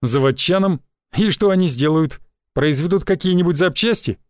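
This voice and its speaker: A man voicing a calm, menacing stranger who speaks in a dry, level way. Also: a little high, normal speed, no room sound, natural voice. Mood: cold calm. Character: calm, menacing male stranger, cold and unhurried.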